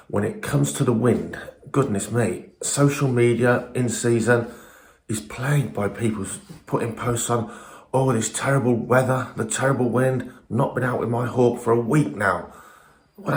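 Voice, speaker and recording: A man's voice: medium pitch, moderate pace, roomy sound. A man giving an informal, emphatic and opinionated talk to camera as a falconer presenting his own video, often throwing in rhetorical questions.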